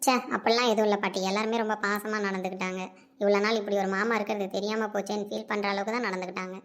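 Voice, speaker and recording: Brief: woman as a subdued young woman, quiet and deflecting, amateur audio drama. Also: medium pitch, level tone, racing, lightly acted. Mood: evasive.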